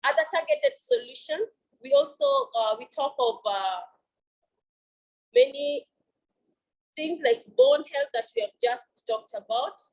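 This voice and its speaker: A woman presenter wrapping up a health talk, going slowly through a list of topics with fillers. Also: high-pitched, sing-song, darkish tone, poor audio. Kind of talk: presentation wrap-up.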